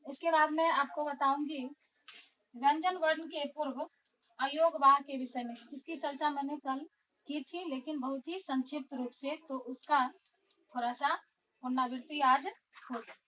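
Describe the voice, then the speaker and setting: A woman teacher giving a slow, deliberate classroom lesson, explaining step by step. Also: high-pitched, steady tone, a bit bright. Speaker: school teacher. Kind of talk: classroom lesson on Hindi phonetics. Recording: distant mic, dull lo-fi sound.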